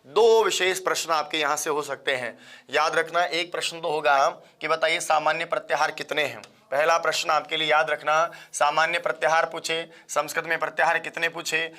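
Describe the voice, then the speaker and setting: Bright-voiced man teaching a quiz-style lesson. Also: a little high, flat delivery. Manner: quizzing, repeats questions and answers; fast-paced, chatty, addresses viewers as friends. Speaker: Sanskrit exam teacher. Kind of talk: live online class lecture.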